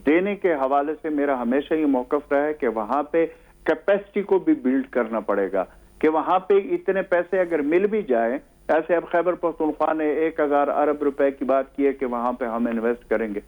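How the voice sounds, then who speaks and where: A man who is a guest analyst on a talk show, speaking in a measured way with many hesitations and fillers. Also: fairly high pitch. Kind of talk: studio talk show discussion. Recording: tinny phone-line sound.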